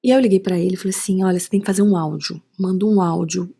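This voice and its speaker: A woman's voice: lowish voice, very fast, vocal fry, breathy edge. A middle-aged woman with a Carioca accent, a podcast guest chatting casually and acting out the voices of people in her stories. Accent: Carioca Brazilian Portuguese. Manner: lively storyteller, acts out quoted dialogue, frequent tag questions. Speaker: podcast guest, digital marketing strategist. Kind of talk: casual conversational interview.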